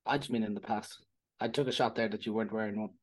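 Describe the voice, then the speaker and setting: A man, a comedian guest trading dry, deadpan jokes in casual chat. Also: on the low side, fast, low-quality recording. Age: 30s.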